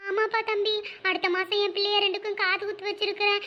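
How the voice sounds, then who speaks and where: A voice actor playing a sly, poor village wife in a comic cartoon, pitched very high and shrill. She wails and whimpers theatrically. The sound is dull and lo-fi. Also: level tone, fast talker, bright, forceful tone. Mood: fake sobbing.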